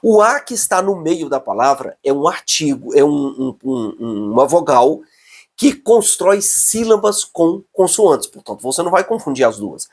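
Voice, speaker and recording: Husky Brazilian man teaching grammar slowly. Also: a little high, big pitch swings, a little mellow. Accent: Brazilian Portuguese. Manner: slow, emphatic teacher talk with many checking "ok?" asides. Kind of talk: online grammar lesson.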